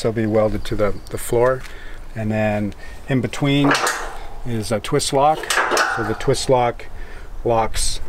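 A middle-aged man giving a casual tour of his container cabin, relaxed and hesitant with fillers. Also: medium pitch, echoey room, slight background noise. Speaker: container home builder. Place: outdoors on a hilltop and inside a container cabin.

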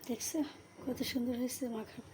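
Soft-spoken woman narrating her cooking. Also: on the high side, steady tone, a little fast. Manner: speaks softly so a sleeping child stays asleep. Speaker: cooking vlogger. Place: home kitchen. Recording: noisy kitchen ambience.

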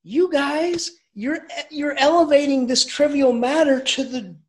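A man lecturing as an English professor in an informal, animated way, often restarting sentences and chuckling through his asides. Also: extremely high pitch, measured pace.

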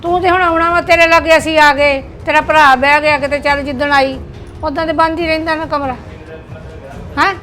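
A woman plays a soothing middle-aged mother, coaxing her daughter. She talks fast in a high voice. Soft music plays faintly underneath. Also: steady tone. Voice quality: coaxing, placating. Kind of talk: short film acting. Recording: acted scene with faint music.

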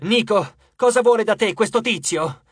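A blunt young demigod hero talks in plain, direct words, as a male narrator reads him. The voice sits fairly high for a man and sounds dry and close. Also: moderate pace, husky, dry recording. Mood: urgent.

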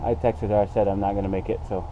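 A man in his forties narrating a casual bike-ride vlog outdoors, thinking aloud in a relaxed running commentary, recorded on a bike-mounted action camera. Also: lowish voice, quick pace. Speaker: cycling vlogger. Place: outdoors on a coastal road by bike. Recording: muffled action-camera audio with wind and traffic noise.

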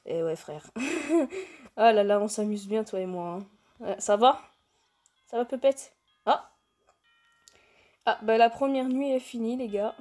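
A woman's voice: fairly high pitch, expressive, a little slow, pauses often, warm tone. A playful young woman giving casual gameplay commentary, talking to the game characters and breaking into squeals and laughs. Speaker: gaming youtuber.

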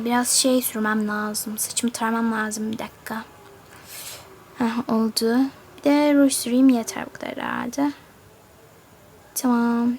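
A woman's voice: fairly high pitch, a little hiss or hum. A woman narrating her own toy game role-play in a chatty way, talking to herself as she plays. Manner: chatty, talks to herself while playing.

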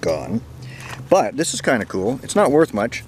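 On a summer geocaching vlog, a man in his forties from Canada chats cheerfully and laughs a lot, holding the camera at arm's length as he walks a bridge and wooded trails. His medium-pitched voice swoops wildly in pitch, has a breathy edge, and moves at a moderate pace.

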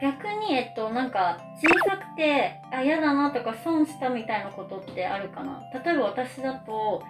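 A woman's voice: high voice, sing-song, moderate pace, few pauses. A young woman leading a casual chat and telling stories as host. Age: young adult. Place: small furnished room indoors, on a sofa. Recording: roomy echo, faint music behind.

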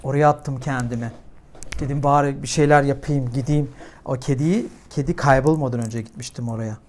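Chatty young woman telling a dramatic story. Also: moderate pace. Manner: animated, dramatic storytelling that climbs in pitch when agitated. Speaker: mukbang vlogger. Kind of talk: casual chat while eating. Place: at home. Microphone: clip-on mic.

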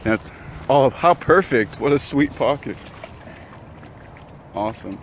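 A young man hosting a fishing vlog outdoors by a pond, chatting and laughing, yelling when fish bite. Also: medium pitch, animated, slow, slight background noise. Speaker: fishing channel host. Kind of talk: excited outdoor vlog chat.

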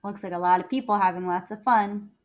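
A woman reading a children's book aloud like a teacher, pausing to explain things to young listeners. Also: medium pitch. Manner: expressive, pauses to explain to listeners.

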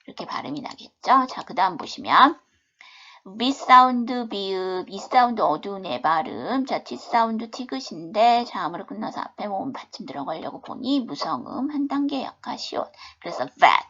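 A woman's voice: medium pitch, lively intonation, moderate pace, pushed and bright. A woman teaching a beginners' English phonics lesson, patiently spelling out words letter by letter. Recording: dull lo-fi video-class audio.

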